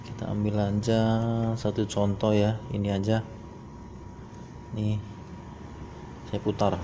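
A man giving a casual, halting, step-by-step phone app tutorial as host. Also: completely flat delivery. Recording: noisy amateur phone recording, vehicle-like rumble.

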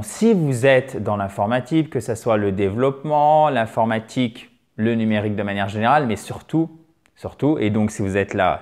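A man teaching vocabulary, chatty and encouraging, slowing down to exaggerate pronunciation drills. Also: mid-range voice, a little mellow. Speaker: English teacher. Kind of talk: vocabulary lesson.

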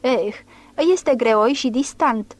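A woman reading the part of a worldly gentleman who speaks in a measured, dismissive way. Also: fairly high pitch, close to an everyday voice.

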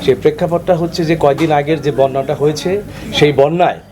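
A man's voice: on the high side, steady tone, fast. A Bangladeshi man giving a spoken interview comment as a community member. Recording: crowd noise behind.

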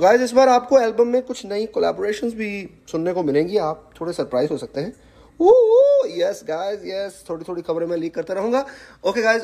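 A young man chats his way through a home cooking vlog, his voice sitting a little high for a man. A slight hoarseness runs through his relaxed, joking talk, and he mixes English words into his speech. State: slightly hoarse from singing practice. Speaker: cooking vlogger.

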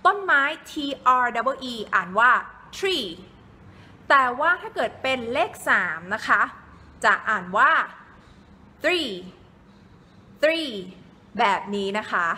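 A woman English teacher giving a patient live-streamed pronunciation lesson, repeating words slowly for learners. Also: sits high, very animated, sharp tone. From Thailand.

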